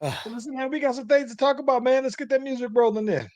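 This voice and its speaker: A man's voice: very high-pitched, quick pace, darkish tone, dry recording. A man hosting a casual podcast, rambling along and tagging his sentences with "though, man". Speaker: podcast host.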